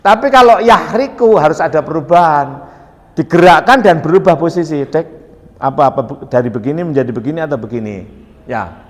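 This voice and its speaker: A man giving a classroom lecture, animated and often questioning his students. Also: on the high side, a little fast. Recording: long echo of a lecture hall.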